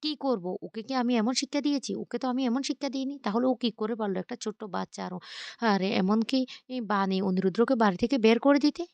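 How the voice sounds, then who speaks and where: A woman's voice: on the high side, fast, vocal fry, dry recording. A woman voicing an angry, heartbroken mother who scolds her daughter in a story retelling. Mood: anguished. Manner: shouting, scolding.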